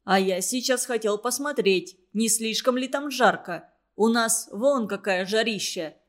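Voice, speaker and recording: A woman reading a children's story aloud, voicing a calm, level-headed boy who leads his group. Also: fairly high pitch, unhurried, lightly acted. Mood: explaining. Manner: calm, reasoning.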